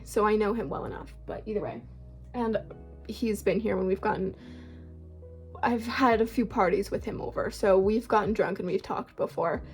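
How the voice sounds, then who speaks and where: A woman talks at home in a loose, rambling way, full of filler words and the odd swear word. Her voice sits a little on the high side. Faint music plays behind her. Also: a little mellow. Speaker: book vlogger. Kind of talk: casual rambling storytime chat.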